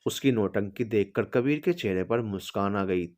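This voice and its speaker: Low-voiced male story narrator. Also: animated, moderate pace, a little mellow.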